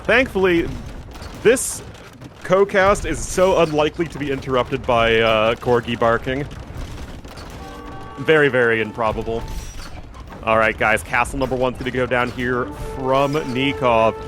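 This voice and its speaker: A man co-casting a strategy game tournament in a relaxed, chatty way, laughing often. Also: medium pitch, unhurried, pauses often, soft background music. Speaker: tournament co-caster. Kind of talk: casual game commentary.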